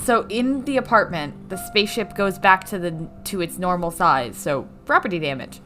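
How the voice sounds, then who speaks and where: A woman's voice: on the low side, moderate pace, soft background music. Sarcastic woman recapping a movie. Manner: sarcastic, swears freely, animated. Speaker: podcast co-host. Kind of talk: casual movie recap chat.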